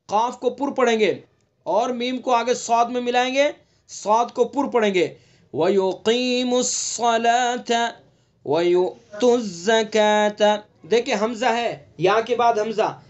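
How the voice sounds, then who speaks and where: A man teaching Quran recitation rules in an online class, slowly modeling words and checking that students follow. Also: extremely high pitch, lo-fi sound. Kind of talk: tajweed lesson with recited examples. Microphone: online class recording.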